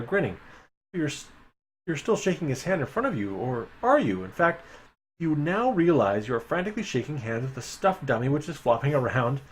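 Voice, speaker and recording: Husky-voiced man reading a gamebook. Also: mid-range voice. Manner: chatty, wry asides to chat. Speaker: streamer reading a gamebook aloud. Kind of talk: live gamebook reading with commentary. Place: home streaming setup.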